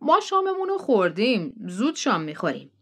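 Brief: woman reading a jovial farmer in an audiobook, hearty and louder than the narration. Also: on the high side, very animated, voice pushed up. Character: fat sweaty jovial farmer man.

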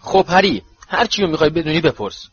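A man voicing a brooding, protective grown man in a storybook reading, speaking quietly and low. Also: lively intonation, slightly rough. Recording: dull lo-fi recording.

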